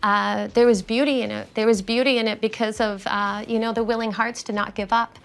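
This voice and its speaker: Woman, somewhat high voice, reflective inspirational speaking, earnest, halting phrasing. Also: flat delivery, gravelly, fairly bright tone, slight background noise.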